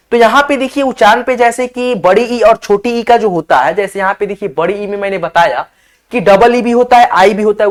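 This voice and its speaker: A man gives a step-by-step spelling lesson in a patient, steady voice. He repeats each word several times. He keeps reassuring his viewers as he goes. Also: high-pitched. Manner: patient, repeats words, addresses viewers as friends. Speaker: teacher.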